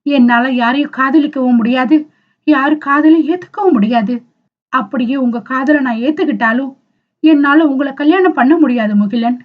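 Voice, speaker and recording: A woman reading the lines of a gentle young woman, tearful and troubled. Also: high voice, moderate pace, dull audio, lightly acted. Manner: soft, tearful.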